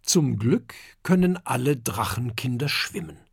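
A husky-voiced narrator reading a children's story aloud. The telling is slow and expressive, with a lively, wide-ranging melody. The recording is dry and close. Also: mid-range voice, no echo. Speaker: audiobook narrator.

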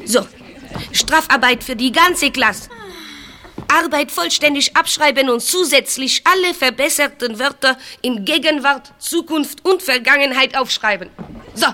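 A shrill French teacher. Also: female voice, a little slow, pushed and bright, slight background noise. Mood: scolding. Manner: theatrical scolding with French exclamations. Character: strict French teacher woman, scolding.

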